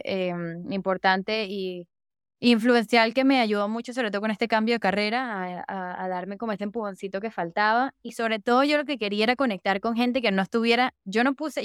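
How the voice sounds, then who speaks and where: Talking about her job as a user researcher, a young woman from Venezuela guests on a podcast in casual, enthusiastic interview chat, often stacking "really" and "super" and repeating "de verdad que" and "súper." Her voice is medium-pitched and clean, captured in studio quality with no echo.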